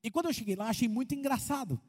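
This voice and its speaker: A Brazilian man preaching as a pastor, animated, asking the crowd questions and acting out quotes. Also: extremely high pitch, racing. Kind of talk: lively sermon with humor. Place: church hall. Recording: long hall reverb.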